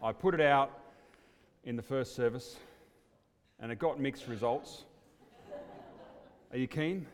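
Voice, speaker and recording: A man's voice: mid-range voice, slow pace, long pauses. A man preaching at a church service, chatty and hesitant with many fillers, his voice ringing with a long church reverb like a cathedral. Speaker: guest preacher. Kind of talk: sermon with storytelling.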